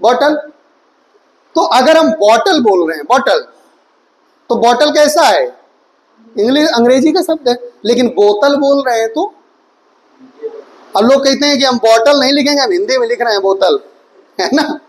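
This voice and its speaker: A man with a strikingly high voice teaches an online exam-prep class. He reels off word lists and keeps asking rhetorical questions, speaking to his students fondly as his children. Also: animated, normal speed, long pauses, low-quality recording. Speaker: Hindi teacher.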